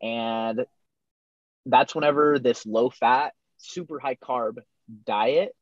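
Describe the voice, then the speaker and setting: A man's voice: mid-range voice, slow, no room sound. A young man from California hosting a casual podcast, recorded inside a small camper van. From California, USA. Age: young adult. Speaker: podcast host. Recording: slightly dull, dry, inside a camper van.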